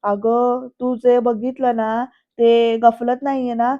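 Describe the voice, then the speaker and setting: Woman doing a loud scheming uncle. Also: on the high side, flat delivery, takes it slowly, lo-fi sound. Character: scheming middle-aged uncle, loud and plotting.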